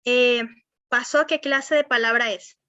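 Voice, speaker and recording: A woman's voice: a little high, steady tone, measured pace, pushed and bright, dry recording, highs cut off. A young woman teacher with a Venezuelan accent, rambling through an online class with many fillers and frequent check-ins with her students. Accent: Venezuelan Spanish. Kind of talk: online class on verbal skills.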